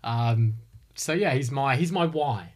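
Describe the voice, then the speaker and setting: A man speaks in casual podcast chat with a home counties English accent. His pitch is middling and his voice has a slightly husky edge. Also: expressive, measured pace. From Hertfordshire, England. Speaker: podcast co-host, estate agent.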